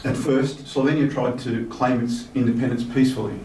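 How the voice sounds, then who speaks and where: In a large hotel reception hall, a fiftysomething Australian man speaks at medium pitch and a slightly fast pace. As a guest speaker, he reads out a minister's message and casually adds his own remarks, with occasional "um"s; the recording is distant, echoey, and faintly noisy.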